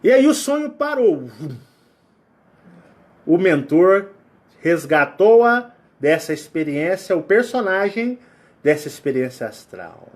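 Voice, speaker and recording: Animated high-voiced Brazilian man. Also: takes it slowly, long pauses. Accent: Brazilian Portuguese. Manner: animated, acts out sounds and quotes. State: sweating. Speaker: spiritual channel host. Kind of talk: casual spiritual talk.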